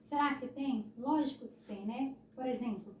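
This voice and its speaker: A Brazilian woman teacher giving a lesson, drawing out syllables slowly and often tagging a questioning "né?". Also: sits high, darkish tone, slight background noise. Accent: Brazilian Portuguese. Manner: slow, syllable-stressing explanations with frequent "né?". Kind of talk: recorded classroom lesson. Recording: echoey room, voice from a distance.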